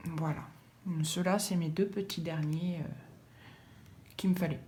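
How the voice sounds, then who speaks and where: A woman's voice: fairly low pitch, fairly even intonation, a little slow, a little mellow, a little hiss or hum. A woman chatting casually about her art supplies, rambling with many fillers and repeated words. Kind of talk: casual chat.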